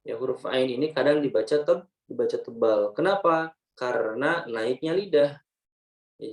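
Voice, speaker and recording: A man teaching Quran recitation rules with an Indonesian accent, explaining step by step and slowly demonstrating example words. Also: medium pitch, darkish tone, low-quality recording. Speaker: tajwid teacher.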